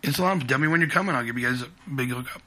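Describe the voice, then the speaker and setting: A man's voice: medium pitch, very fast. A man telling his scare-actor stories in casual chat and acting out the people he quotes. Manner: animated storyteller who acts out the people he quotes. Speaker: guest who works as a haunted attraction scare actor.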